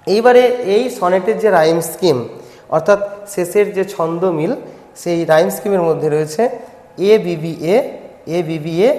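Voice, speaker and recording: A man's voice: sits high, darkish tone, echoey room, long reverb tail. A man with a Bengali accent, teaching a poem line by line, explaining patiently and step by step to students.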